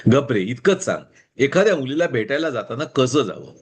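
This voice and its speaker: A man's voice: mid-range voice, very animated, moderate pace, slightly rough. A man voicing an earnest, lovesick young man who pleads and asks anxious questions in a told story. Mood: eager.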